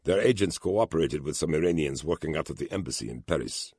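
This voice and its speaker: A man voicing a German intelligence officer who speaks low and confidentially in a thriller audiobook. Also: animated, fast talker, a little mellow, breathy edge, dry recording, studio quality, exaggerated voice. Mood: confiding.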